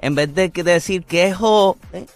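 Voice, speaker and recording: A man's voice: high-pitched, a little slow. A man from Ecuador with an Ecuadorian accent, a radio DJ chatting easily on air. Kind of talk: casual radio chat.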